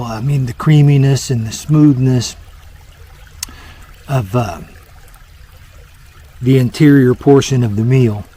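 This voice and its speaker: A man's voice: medium pitch, mellow, husky. Man giving mock-gourmet praise outdoors. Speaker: vlogger. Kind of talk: mock food-critic review. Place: outdoors by a lake on a day hike. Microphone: small handheld camera.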